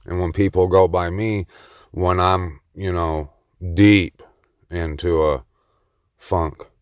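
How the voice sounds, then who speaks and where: Alone on the mic, a solo vlogger with a deep, smooth voice delivers a rambling, self-recorded monologue in a steady tone, taking his time. He comes across as boastful and playfully cocky, his delivery meandering. The recording is dry and studio quality.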